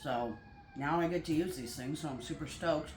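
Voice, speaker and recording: A woman's voice: sits low, moderate pace. A woman chatting casually and enthusiastically in a home haul vlog, bubbly and jokey. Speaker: vlogger. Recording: roomy with light background noise.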